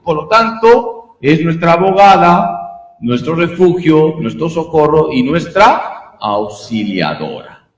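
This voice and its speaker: A priest teaching a catechism class in a lively, swooping voice. His speech is fairly high for a man and asks questions only to answer them himself. The sound is roomy, with a long hall reverb trailing behind each phrase. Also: takes it slowly. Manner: animated, rhetorical questions and answers.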